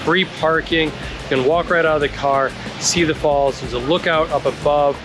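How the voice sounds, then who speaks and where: With music in the background, a thirtysomething man guides viewers through tropical trails and roadsides, filming himself on a handheld camera and giving friendly tips. His pitch is fairly high, his tone steady, and his pace normal.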